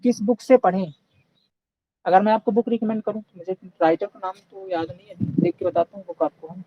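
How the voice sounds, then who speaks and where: A man's voice: high-pitched, brisk, lo-fi sound. A man teaching a live online engineering class, asking questions and answering them himself and often checking that students are following. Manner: repeats checks like "okay" and "clear?"; Hindi mixed with English technical terms.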